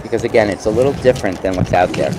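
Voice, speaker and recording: A man with a New York accent casually explaining and demonstrating craft products, pausing mid-sentence as he works. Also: on the low side. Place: busy convention booth. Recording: noisy trade show floor background.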